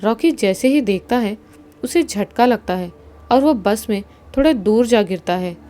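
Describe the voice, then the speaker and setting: A woman narrating a horror story in a steady, suspenseful storytelling manner. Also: fairly high pitch, unhurried.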